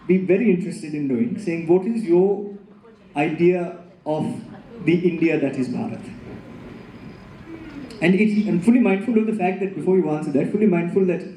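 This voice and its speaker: A man's voice: on the high side, mellow. A man moderating a panel, asking long, formal and elaborate questions. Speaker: interviewer. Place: large hall with an audience. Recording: echoey hall.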